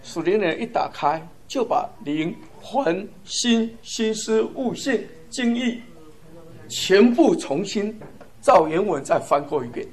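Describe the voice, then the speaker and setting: Male preacher, slightly high voice, fervent and chuckling, punchy emphatic lists. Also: expressive, slow pace. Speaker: church speaker. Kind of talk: sermon testimony.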